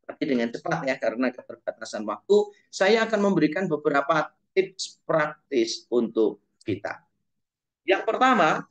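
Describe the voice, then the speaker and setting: A man's voice: a little high, fairly bright tone. Middle-aged man, parenting webinar talk, jokey, acts out voices. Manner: jokey storytelling, acts out quoted parents and kids.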